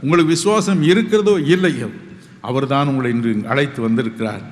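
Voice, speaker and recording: A man's voice: mid-range voice, very animated, brisk, in a large hall. A man preaching a sermon, emphatic and repetitive, with reassuring appeals to his listeners.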